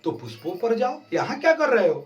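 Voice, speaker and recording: Teasing young Radha with drawn-out, playful retorts, read by a man, from a distant mic. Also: sits high, wildly swooping pitch, highs cut off, voice pushed up.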